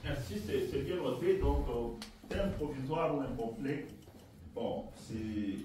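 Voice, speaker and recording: A man chairing a meeting, hesitant and soft-spoken. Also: mid-range voice, takes it slowly. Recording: echoey hall, distant mic, noise.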